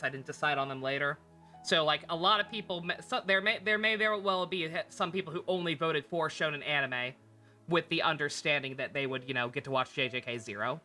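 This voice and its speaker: This tired game streamer, running low on sleep, talks loosely to the audience, wandering from thought to thought and cursing often. The voice is mid-range with a sharp tone.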